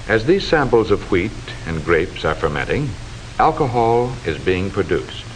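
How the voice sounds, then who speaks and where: A low-voiced man reads formal, measured, instructive narration from a script, sounding like a 1940s educational film. An old soundtrack hisses beneath him.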